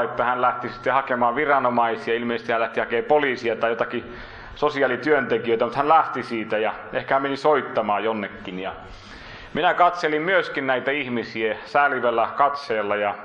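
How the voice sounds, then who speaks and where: Male preacher, earnest sermon delivery, bright tone, roomy church reverb. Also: muffled recording. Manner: earnest preaching, rising for emphasis then dropping low and slow.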